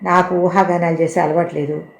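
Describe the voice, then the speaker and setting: A woman voicing an outspoken young woman who talks sharply, loudly and dismissively. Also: fairly low pitch, level tone, fairly quick, gravelly. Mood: scornful. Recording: roomy echo.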